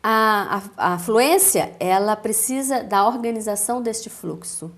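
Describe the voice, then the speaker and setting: A woman with a Brazilian accent, a speech therapist giving a calm, didactic explanation in a TV interview, with measured pauses. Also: mid-range voice. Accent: Brazilian Portuguese.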